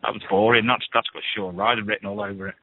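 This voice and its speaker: A man's voice: lowish voice, fairly even intonation, fast. A man hosting a radio show, reading paranormal news with chatty, scoffing asides. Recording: phone-like lo-fi radio, dry.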